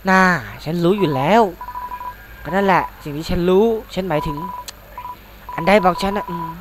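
A man's voice: sits high, normal speed, natural voice. A man voicing an eager young monster kid from a video game, who stammers and keeps saying "yo". The recording is noisy. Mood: nervous. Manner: excited, stammering, says "yo" often.

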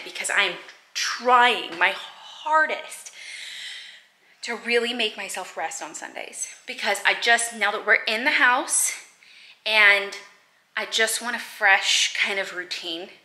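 A woman's voice: mid-range voice, a little slow, sharp tone, echoey room, poor audio. A young woman vlogging casually to a camera held at arm's length, chatty and upbeat. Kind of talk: casual vlog chat. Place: inside a car, then a showroom and a house under renovation.

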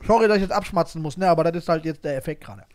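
High male voice, brash, mock-scolding, casual streamer banter. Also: rapid-fire. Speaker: streamer reacting to a video. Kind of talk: casual banter, street slang.

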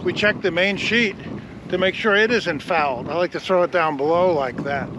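A man with a high voice gives practical sailing instruction at a normal pace, explaining in a didactic, teacherly way. He is outdoors aboard a sailboat under way, and wind and boat noise fill the recording.

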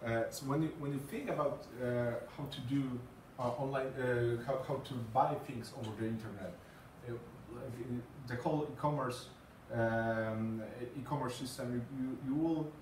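A Polish man in his thirties presents to a small group in a meeting room with green walls and a screen, recorded from afar by a camera with no visible mic, so the room sounds echoey. His mid-range, slightly mellow voice is fairly even and moderately paced with few pauses and slight background noise, yet hesitant with many fillers and repeated words.

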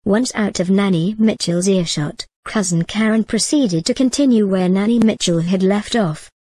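A woman reading a story aloud in a measured, even manner. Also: medium pitch, slightly rough, dry recording. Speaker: narrator. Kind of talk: storybook narration.

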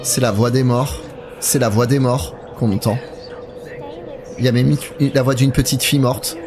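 Playing a horror game live, this man keeps up chatty commentary aimed straight at his audience and reacts aloud whenever something frightens him. His mid-range voice stays fairly even at a moderate pace, with background noise audible.

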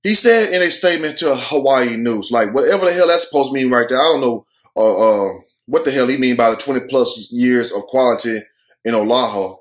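Speaking fairly quickly at a medium pitch, this American show host in his thirties delivers loose, opinionated takes full of slang, jokes and frequent cursing. He's recording in a furnished room in his home.

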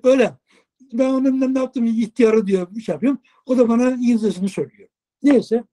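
A man, a long-haul truck driver, telling a lively casual story in an interview, acting out dialogue and swearing casually. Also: very high-pitched, fast. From Turkey.

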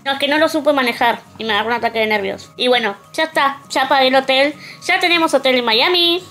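A woman's voice: high voice, quick pace, pushed and bright, faint music behind. A young woman with an Argentine accent chatting casually to the camera in a vlog at home. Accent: Argentine (Rioplatense). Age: young adult. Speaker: vlogger. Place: small room at home.

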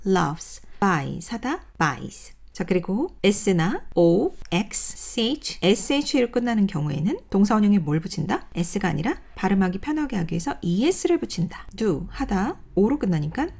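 Woman, grammar teacher, recorded lesson, animated intonation, asks and answers her own questions. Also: mid-range voice, unhurried, gravelly, few pauses, slightly rough. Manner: asks questions and answers them herself, drills word lists.

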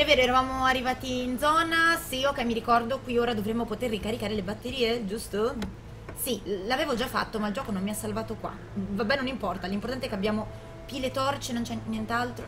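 A woman hosting her gaming channel, giving chatty let's play commentary, talking to the game character and quickly getting alarmed with frequent restarts. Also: a little high, music in the background, poor audio.

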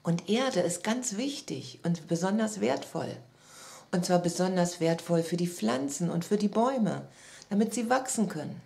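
A woman voicing a kindly old grandfather creature who speaks low and slow, gently explaining things. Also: animated, vocal fry. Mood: patient.

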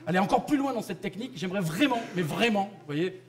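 A man's voice: sits high, expressive, fast talker, a little hiss or hum. A young man from France doing stand-up comedy on a theatre stage, mocking and conversational. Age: young adult. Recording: live theatre, loud audience laughter.

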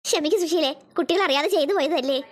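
A woman's voice: sits high, fast talker, close to an everyday voice. A woman voicing a fretful old grandmother in a cartoon, weary and pleading.

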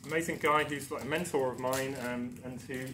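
Briskly and with fairly even intonation, a medium-pitched man from Newcastle, England, gives a conference presentation in a darkened lecture room. He's chatty and pokes fun at himself amid many ums and restarts, recorded by a far camera in an echoey, noisy space.

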